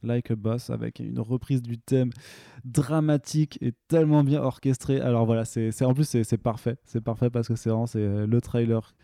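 A man's voice: medium pitch, fairly even intonation, normal speed, vocal fry, few pauses, mellow, dry recording, clean studio sound. A man in his thirties co-hosting a podcast, chatting casually and rambling with lots of fillers and restarts. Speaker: podcast co-host. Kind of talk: casual chat.

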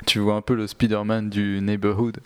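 A man's voice: fairly low pitch, little pitch movement, moderate pace, clear, resonant tone, no echo. A man hosting a casual film discussion in an informal, talkative, hedging way, in a resonant room. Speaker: podcast host. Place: very echoey-sounding room.

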